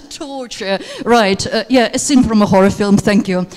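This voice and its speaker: At a measured pace, a woman with a medium-pitched, slightly mellow voice leads a teacher workshop lecture. She's a teacher trainer with Russian as her first language, and she speaks haltingly, using a lot of fillers. There's hall reverb on the handheld-microphone audio from the seminar room.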